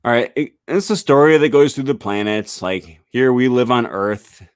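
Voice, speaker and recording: Using a large studio microphone on a desk stand, a young man talks loosely about language learning on a casual live stream with screen sharing, peppering his speech with "um" and "uh." He speaks from a small home room at normal speed in a clear, resonant, mid-range voice. The sound is echo-free and studio quality.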